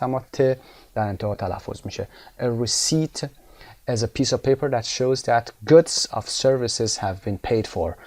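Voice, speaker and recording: A man teaching an English lesson, explaining terms quickly and then reading the English aloud slowly and deliberately. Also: on the low side, darkish tone, no echo. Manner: explanatory, teacherly, with hesitations and fillers. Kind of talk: recorded language lesson.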